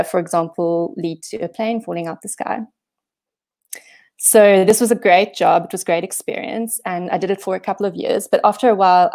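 A South African woman in her thirties, speaking with a South African accent in a lowish, darkish voice, gives a casual talk as a guest speaker over a video call. She's at home in a room while on holiday, chatting in a self-deprecating way with plenty of fillers.

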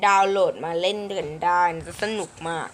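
A young woman giving playful, animated commentary while playing a mobile game, often squealing with excitement. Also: lowish voice, a little fast, background noise. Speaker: gaming streamer.

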